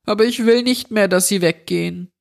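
A man's voice: a little fast, vocal fry. A man voicing a scared young boy with a trembling voice. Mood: pleading. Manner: trembling, high. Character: frightened little boy.

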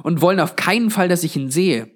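An alarmed young woman traveler, as a male narrator puts her on, pressing hard with one demanding question after another. The voice is lifted and a little louder than the reader's own, tense and insistent. A storybook heroine who refuses to be brushed off. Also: sits high, lively intonation, fairly quick, pitched above the performer's own voice. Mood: urgent. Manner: urgent, questioning.

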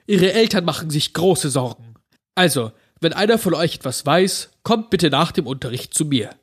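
A man's voice: on the high side, expressive, moderate pace, slightly rough, pitched above the performer's own voice. A man voicing a school vice principal who makes a formal announcement to students.

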